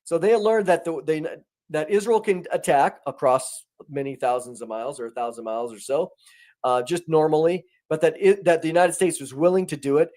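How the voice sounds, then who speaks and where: A man giving conversational commentary as a guest, animated, with many restarts and rising emphasis. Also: on the high side, brisk.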